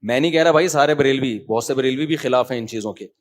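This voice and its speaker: A middle-aged man with a Pakistani Urdu accent answers written questions from his congregation. He sounds tired but keeps a lecturing, conversational sermon manner and often calls his listeners brother. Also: medium pitch. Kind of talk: sermon Q&A, reading questions aloud.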